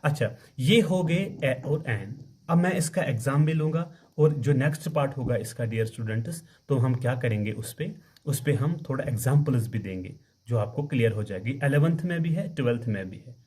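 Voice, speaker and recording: Man as a patient grammar teacher with a lively, rising and falling pitch, who quizzes and answers himself. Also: husky. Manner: slow, spells words letter by letter, asks and answers his own questions. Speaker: English teacher. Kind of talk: classroom grammar lesson.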